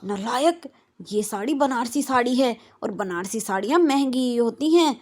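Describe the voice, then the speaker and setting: A woman voicing a middle-aged mother who scolds in a brisk, nagging way. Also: fairly high pitch, animated, voice pushed up. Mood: scolding.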